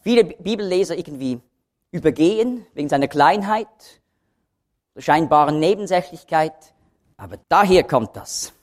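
A man's voice: on the high side, lively intonation, moderate pace. A man giving a Bible study lecture, explaining patiently and repeating key phrases for emphasis. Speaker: Bible teacher.

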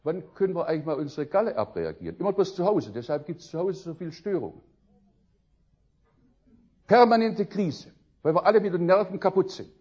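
Husky older preacher. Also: male voice, high voice, fairly quick, dull audio. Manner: lively storytelling, swinging between loud outbursts and quiet musing. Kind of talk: sermon.

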